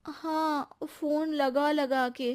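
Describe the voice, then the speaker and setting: A woman's voice: sits high, fairly even intonation, drawn-out words, pitched above the performer's own voice. A woman voicing a cheerful, chatty young daughter-in-law in a cartoon.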